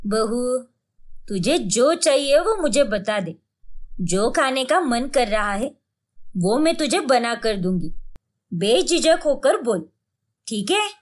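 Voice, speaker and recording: A woman's voice: fairly high pitch, sing-song, slow, long pauses, full character voice. A woman voicing a strict, traditional mother-in-law who gives orders and scolds in a cartoon story. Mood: indulgent. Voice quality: scolding, commanding.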